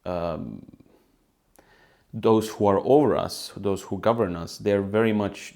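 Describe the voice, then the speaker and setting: A young man from Bosnia speaking reflectively to the camera at home, pausing often with fillers and restarts as he works through his thoughts. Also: sits low, a little mellow. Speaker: author and video host. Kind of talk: reflective solo talk to camera. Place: room at home by a sunny window.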